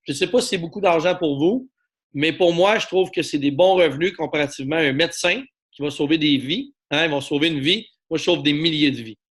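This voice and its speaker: Man, Québécois French accent, fairly high voice, persuasive sales pitch, lots of fillers and rhetorical questions. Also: fairly quick, slightly rough. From Quebec. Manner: persuasive, asks the audience for agreement, many fillers. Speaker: network marketing presenter. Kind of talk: sales pitch to an online audience.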